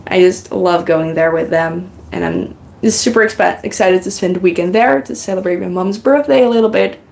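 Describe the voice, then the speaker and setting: On her knitting live stream, a woman whose native language is Dutch talks in a rambling, chatty way, reading comments and thanking viewers. A good podcasting microphone picks up her lowish, creaky, slightly mellow voice.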